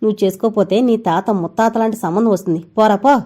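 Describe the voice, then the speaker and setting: A woman voicing a sharp-tongued, doting old grandmother who scolds loudly, read aloud in a storybook telling. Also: on the low side, fairly even intonation, a little fast, lightly acted. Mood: scolding. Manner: loud and scolding.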